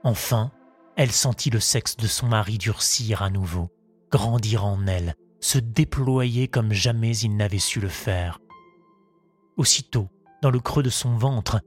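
A man narrating a literary audiobook in a measured, intimate reading. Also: lowish voice, slightly rough, faint music behind.

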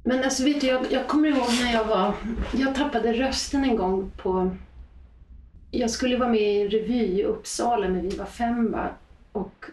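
A woman's voice: on the high side, a little mellow, a little hiss or hum. A woman singer talking reflectively in a casual interview, often restarting her sentences, recorded in a small cabin. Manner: reflective, halting with many restarts. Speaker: guest singer. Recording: roomy sound from a distance.

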